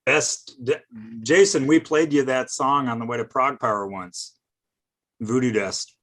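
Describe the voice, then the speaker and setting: A man's voice: medium pitch, steady tone, a little slow, a bit bright. A man co-hosting a casual music podcast, teasing his friends and giving advice. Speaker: podcast co-host. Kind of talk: casual chat.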